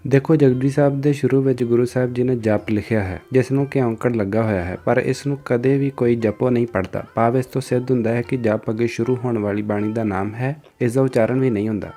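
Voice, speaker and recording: A man playing a student in a lesson dialogue, reciting verses slowly and carefully. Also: mid-range voice, steady tone, dark tone, faint music behind.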